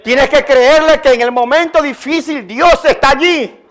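A man's voice: very high-pitched, normal speed, a bit bright. A man preaching a Sunday sermon in church, emphatic and repetitive, calling on the congregation to respond. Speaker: pastor. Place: church service. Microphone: live-streamed sermon.

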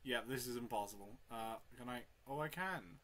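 A man's voice: medium pitch, normal speed, a bit bright. A young man commentating his own gameplay, swearing and talking to himself, with sudden yelps. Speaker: gamer. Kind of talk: let's play commentary.

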